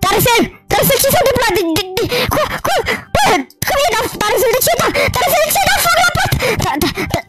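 A woman's voice: very high-pitched, over music, voice pushed up. A woman voicing a flustered, easily confused mother in a Roblox role-play, stammering and repeating questions.

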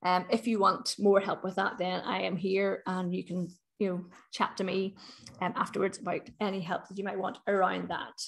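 A woman's voice: medium pitch, normal speed, gravelly. A middle-aged woman with a Northern Irish accent giving a chatty, upbeat webinar presentation as a business coach. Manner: chatty, upbeat, lively emphasis.

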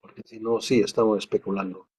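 A man's voice: lowish voice, level tone, fast, a little mellow, husky. A man teaching a study class in a conversational way, thinking aloud and questioning as he goes.

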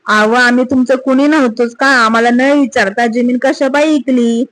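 A woman's voice: fairly high pitch, steady tone, moderate pace, no room sound, natural voice, low-quality recording. A woman voicing a distraught village wife who reproaches her husband in rustic dialect. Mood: reproachful.

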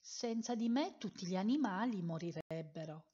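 A woman's voice: mid-range voice, lively intonation, normal speed, mellow, husky. A woman voicing a self-important male color in a children's story, recorded with a dull lo-fi sound. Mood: earnest.

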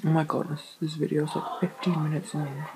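A man's voice: a little high, little pitch movement, brisk, crowd noise, poor audio. A young man vlogging casually, swearing now and then and talking with his mouth full during an eating show. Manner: chatty, swears casually, talks while eating. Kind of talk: casual mukbang chat. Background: faint party noise.

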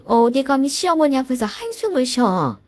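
A domineering older mother-in-law scolds in a sharp, commanding way, as a woman reads her in a fairly high voice. The recording is dry and close, with no room sound. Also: very animated, moderate pace, no echo. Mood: scolding.

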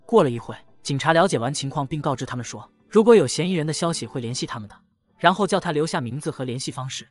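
A man narrating a comic recap in a brisk storytelling manner. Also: a little high, expressive, faint music behind.

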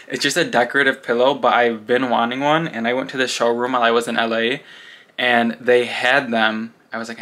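Young guy, casual vlogger, bright voice, filler-heavy chatter, near camera. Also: medium pitch. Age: young adult. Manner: chatty and rambling, lots of "like". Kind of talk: casual vlog chat to camera. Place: home bathroom and bedroom, also car.

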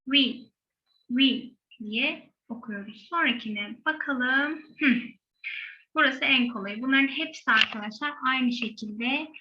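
A woman teaching Korean pronunciation, saying each sound slowly and repeating it. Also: high voice, muffled recording, a little hiss or hum.

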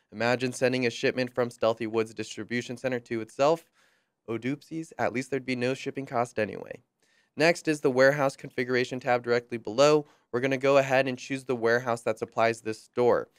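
A young man presenting a screen-recorded software walkthrough, friendly and upbeat with light jokes, on a close mic. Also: medium pitch, smooth, no room sound.

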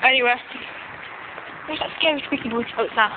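A woman's voice: fairly high pitch, a little fast. A teenage girl from England, chatting playfully and giggling while filming on her phone outdoors. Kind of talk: casual chat. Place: outdoors by a museum. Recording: tinny phone audio with loud background noise.

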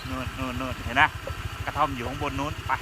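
A man's voice: little pitch movement, fast talker. A man narrating a casual outdoor vlog, chatty and exclamatory, often repeating his phrases. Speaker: vlogger. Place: outdoors on a rural hill trail, riding a motorbike. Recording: noisy outdoors with engine and vehicle rumble.

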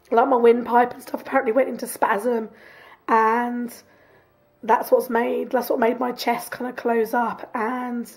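Hoarse, chatty woman vlogger. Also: on the high side, darkish tone. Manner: chatty, rambling, laughs often. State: hoarse, croaky from a cough. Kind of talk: chatty video diary. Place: home, sofa in front room.

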